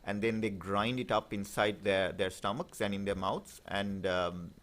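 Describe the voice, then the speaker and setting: A man's voice: fairly low pitch, fairly even intonation, unhurried, a bit bright. A man from Sri Lanka, commenting on underwater footage of a live stream in an explanatory way, with many fillers and restarts. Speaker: marine life commentator.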